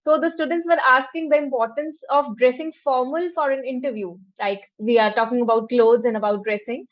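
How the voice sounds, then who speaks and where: A woman moderating an online session, speaking in a fairly high voice. She puts questions across earnestly, leaning on filler words. The sound is dull and lo-fi, like call audio. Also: steady tone, a little fast. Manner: earnest, leans on "like" and "yeah".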